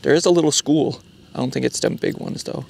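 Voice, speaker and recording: Gravelly young man, laid-back on the ice. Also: medium pitch, fairly quick, darkish tone, slight background noise. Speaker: fishing partner. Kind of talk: casual chat. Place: outdoors on a frozen lake. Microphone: camera mic on the ice.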